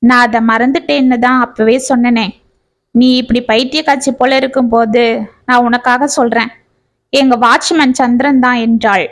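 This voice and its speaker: High-voiced woman reading a family story. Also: steady tone, moderate pace.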